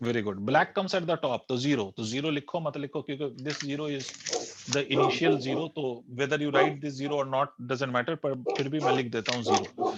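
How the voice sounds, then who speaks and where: A man's voice: mid-range voice, unhurried, noisy background. A male physics teacher, giving a classroom lecture that mixes Hindi and English, quizzing students and repeating key terms. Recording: dull lo-fi dry recording.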